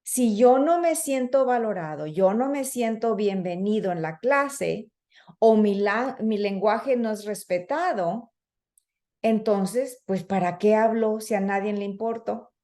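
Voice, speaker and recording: Animated yet measured, a woman with a warm, mid-range voice delivers a conversational training talk to teachers. She works as an early childhood educator and trainer, and she uses fillers while acting out the roles of children and teachers.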